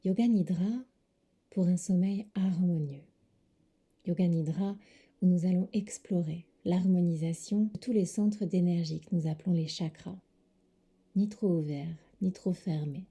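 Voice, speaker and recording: Here a yoga teacher talks listeners toward sleep in a guided meditation. Her fairly low voice is breathy and soft, and her soothing instructions come gently, separated by pauses.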